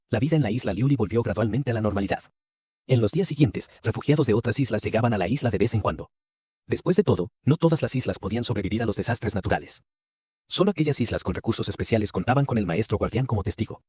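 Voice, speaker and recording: A man giving a scripted first-person story narration with a brisk, even storytelling read. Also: on the low side, slightly rough, dry recording, studio quality.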